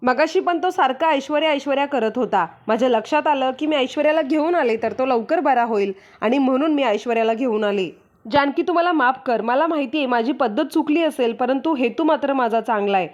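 A woman's voice: sits high, brisk, lo-fi sound, natural voice. A woman reading as a tearful worried mother. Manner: explaining, apologetic. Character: tearful mother of a sick son.

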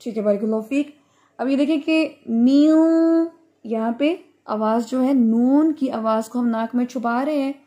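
A woman with a high voice teaches Quran recitation in an online class, speaking slowly and carefully. She explains the rules and then chants each verse for her students to copy. She is heard over a video call. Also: mellow.

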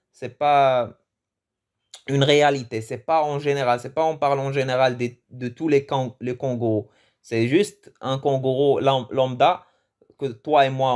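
Male teacher, relaxed unhurried delivery, playful, self-correcting. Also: mid-range voice. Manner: joking, self-correcting, many restarts. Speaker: language teacher. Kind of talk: casual vocabulary lesson.

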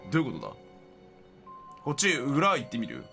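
A man giving excitable, jokey gameplay commentary as a streamer. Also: mid-range voice, brisk, gravelly, soft background music. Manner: excitable, laughing, jokey reactions. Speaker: game streamer.

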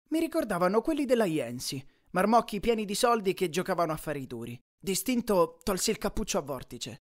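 A man narrating a first-person audiobook in a lively, expressive storytelling style. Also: sits high.

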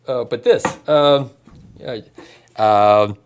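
A middle-aged man hosting a casual chat, rambling and halting, laughing often between words. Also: medium pitch, dull audio, background noise. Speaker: podcast host and musician.

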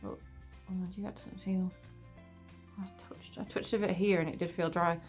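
A woman's voice: fairly low pitch, fairly even intonation, normal speed, husky, soft background music. A woman vlogging casually to camera while wearing a wet face mask, chatty and thinking aloud. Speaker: beauty vlogger. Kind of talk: casual vlog chat to camera.

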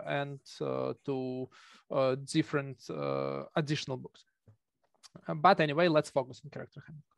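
A man in his thirties with a thick Russian accent, giving an academic presentation haltingly over a video call. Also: a little high, creaky, no room sound, clean studio sound. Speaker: conference presenter, academic researcher. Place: home room with bookshelves. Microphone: headset on a video call.

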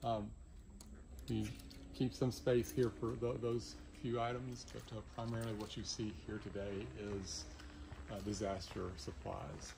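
A man from a disaster relief organization explaining a warehouse in a halting, informal way, with many fillers and restarts. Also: on the low side, level tone, vocal fry, noisy background. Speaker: disaster services warehouse staff. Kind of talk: informal guided tour explanation.

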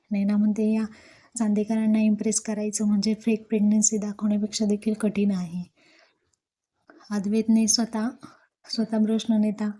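Woman retelling a tv serial episode, flat even voice, really dark and mellow. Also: medium pitch. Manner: flat, even storytelling with quoted lines.

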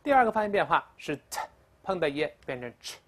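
An English teacher giving a recorded lecture, explaining step by step, asking the class questions and repeating words slowly for drilling. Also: medium pitch, big pitch swings. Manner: asks questions of the class in a sharply raised voice. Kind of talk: recorded grammar and pronunciation lecture.

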